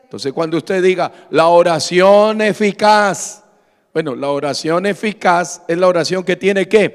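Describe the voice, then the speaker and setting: High-pitched man preaching in a reverberant hall. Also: fairly even intonation, normal speed. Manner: call-and-response preaching, asks the congregation and answers himself. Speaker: pastor. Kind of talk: sermon.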